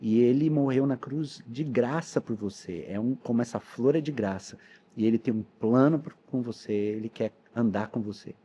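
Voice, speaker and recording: A man's voice: mid-range voice, normal speed, dark tone, dull audio, slight background noise. Earnest man telling his story. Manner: storytelling, earnest, quotes dialogue. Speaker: pastor and missionary. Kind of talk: testimony in a podcast interview.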